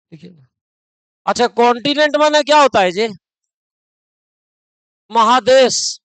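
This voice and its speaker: A man's voice: extremely high pitch, fairly bright tone, smooth, dry recording, rough recording. A man teaching grammar in a classroom lecture, now and then scolding students in local dialect.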